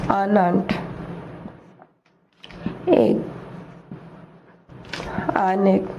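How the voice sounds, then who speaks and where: Woman, grammar teacher, slow, repetitive, faint background noise. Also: medium pitch, creaky, mellow. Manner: repeats words slowly, asks and answers own questions. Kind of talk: slow explanatory lesson in Hindi. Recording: dull lo-fi recording with faint noise.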